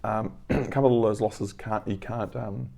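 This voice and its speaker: A hoarse man in his 30s who has lost his voice records a casual weekly vlog update at home as a business owner. His low, crackly, mellow voice keeps fairly even intonation at a moderate pace, and he clears his throat often. He comes across earnest and reflective, rambling with fillers.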